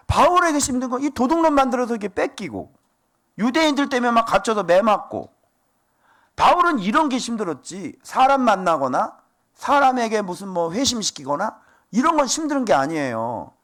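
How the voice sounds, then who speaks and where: A man preaching a sermon as pastor, animated and asking the congregation rhetorical questions. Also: high-pitched.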